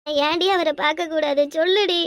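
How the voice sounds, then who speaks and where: A woman's voice: very high voice, steady tone, a little fast, dry recording. A woman voicing a distraught young wife in a Tamil cartoon, wailing and accusing in a southern Tamil accent. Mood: anguished. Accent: southern Tamil Nadu.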